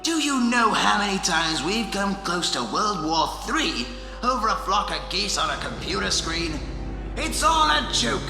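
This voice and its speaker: Casting: taunting clown villain for radio drama, theatrical, extremely animated, slow, in cavernous echo with music and rain behind. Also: male voice, high voice, creaky, exaggerated voice. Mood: ranting, manic. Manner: theatrical, swinging between mutters, shouts and cackles. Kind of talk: amateur radio drama acting. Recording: echoey reverberant drama mix, loud music bed. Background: loud music, rain.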